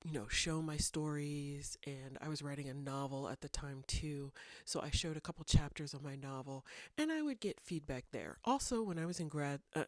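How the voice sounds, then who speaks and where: Recorded dry with studio quality, this low-pitched woman in her thirties chats through a casual vlog for her writing channel. A bit stuffy from a cold, she muses thoughtfully and wanders, using filler words.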